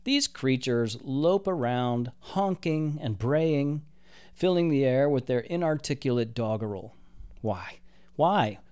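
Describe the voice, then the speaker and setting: A man's voice: mid-range voice, expressive, slow, a little mellow, smooth. A man voicing a proud, disdainful archangel captain who speaks in a haughty, formal, archaic way.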